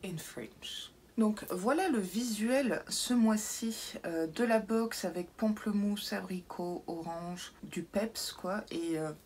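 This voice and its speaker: A woman's voice: mid-range voice, slow, few pauses, breathy edge. Chatty woman unboxing to camera. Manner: chatty, drops into soft asides. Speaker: beauty box unboxing vlogger. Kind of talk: casual unboxing chat to camera. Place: indoor room lit by bright lamps.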